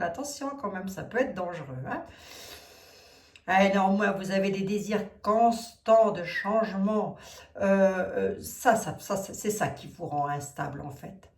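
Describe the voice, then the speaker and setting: A woman's voice: medium pitch, recorded from a distance. A woman with a Lorraine accent, a tarot reader talking casually to her viewers in a chatty, teasing way that laughs at herself. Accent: Lorraine French. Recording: roomy sound from away from the mic.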